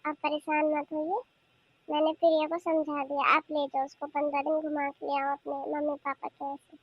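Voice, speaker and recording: A woman's voice: sits high, flat delivery, normal speed, dry recording, lo-fi sound. A woman voicing a sly, sweet-talking cartoon aunt. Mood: coaxing. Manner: sweet, coaxing, conspiratorial. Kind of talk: cartoon voice acting.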